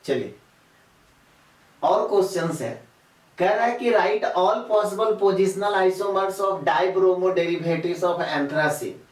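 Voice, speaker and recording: A man's voice: high-pitched, extremely slow. Male teacher lecturing in an echoey classroom. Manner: repetitive, quizzes students with rhetorical questions. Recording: echoey room, mic far off.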